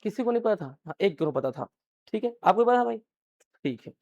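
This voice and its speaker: A man with a high voice gives a live classroom lecture on English grammar. He fires questions at his students and answers them himself. He drills the same phrases again and again. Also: big pitch swings, fairly quick, darkish tone, highs cut off. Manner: repeats key phrases many times. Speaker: English teacher.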